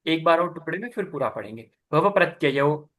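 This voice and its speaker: A man's voice: a little high, lively intonation, quick pace, sharp tone. A man teaching a class, patiently explaining step by step, asking his students questions and praising their answers. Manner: explains step by step, repeating key terms. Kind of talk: online class explaining scripture recitation.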